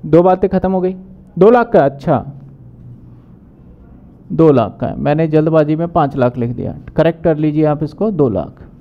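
A man teaching accounting in a brisk lecture, asking questions and answering them himself. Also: a little high, lively intonation, highs cut off. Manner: brisk, asks and answers his own questions. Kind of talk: whiteboard lecture.

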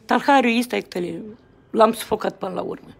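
A woman's voice: fairly high pitch, vocal fry, slightly rough. A middle-aged woman filming on her phone, speaking outraged and repetitive to her viewers. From Moldova. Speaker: citizen activist filming. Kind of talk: indignant video address to viewers.

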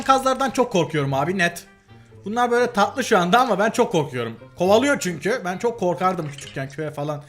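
A man's voice: sits high, a bit bright. A young man casually reacting to animal videos for his channel, giggling often and gushing over how cute they are.

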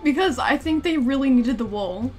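A woman's voice: sits high, expressive, normal speed, darkish tone, faint music behind. A woman teaming up in a game, chatting casually with dry, short replies. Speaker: gaming teammate. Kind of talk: casual gaming chat.

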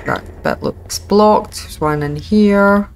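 A Scottish woman in her thirties hosts a gaming video, offering chatty, wry, informal let's play commentary as she plays. Her medium-pitched voice is sing-song, slow and creaky, with heavy background noise.

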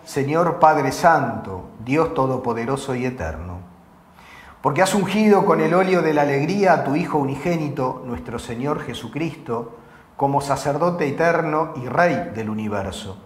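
A priest in his forties reciting the prayers of Mass in a solemn, measured way, with a lapel mic in a small chapel. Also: on the high side. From Uruguay. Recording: echoey chapel.

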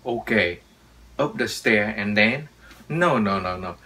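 A man plays a young man who badly needs a toilet and asks in a rush. He speaks slowly and deliberately in a lowish, bright voice, as in an English role-play. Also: expressive, recorded from a distance, heavily acted. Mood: hurried. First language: Vietnamese.

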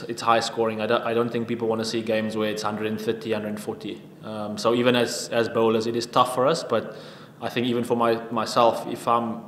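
A man in his thirties answering questions at a post-match press conference at a table mic, even-toned and halting with frequent restarts. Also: mid-range voice, a little hiss or hum. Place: press conference room with sponsor backdrop. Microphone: table microphone. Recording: echoey room with long reverb.

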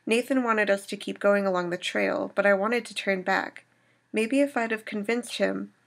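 A woman reading aloud as a shaken young woman survivor recounting an attack, in a steady storytelling manner. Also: medium pitch, normal speed, gravelly, lightly acted. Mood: grieving.

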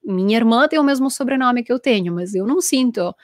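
Teaching a live online language class from a small room at home, this Italian woman in her thirties reads viewers' comments aloud with an Italian accent, animated and gesturing often. She talks briskly in a slightly high voice, captured cleanly on an earphone headset mic with no room sound.

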